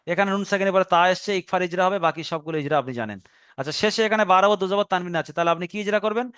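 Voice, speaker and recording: A man with a Bengali accent teaches a recorded Quran reading lesson, explaining each step patiently. His voice sits high and comes across smooth and clear. The sound is close and dry. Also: a bit bright, no room sound. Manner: patient step-by-step explaining, slow drawn-out recitation of example words.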